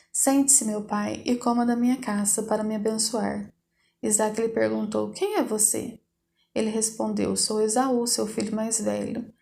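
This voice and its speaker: A woman giving a steady, even reading of Bible passages aloud. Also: on the high side, creaky, a little hiss or hum. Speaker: Bible reader.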